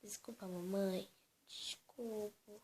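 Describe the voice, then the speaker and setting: A woman voicing a small hurt girl doll who is meek and apologetic, speaking slowly and whinily. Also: medium pitch, steady tone, a little mellow, slight background noise, close to an everyday voice. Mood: whiny.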